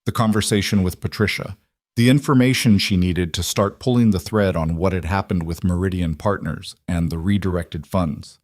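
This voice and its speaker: A man narrates a drama story in a calm, steady way. His voice sits low, and the recording is close and dry, with no room sound. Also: no echo.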